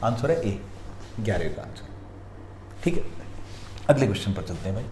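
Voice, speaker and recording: A man teaching reasoning practice questions, walking through each answer step by step and telling viewers to pause and look carefully. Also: lowish voice, sing-song, warm tone. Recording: echoey room, faint noise.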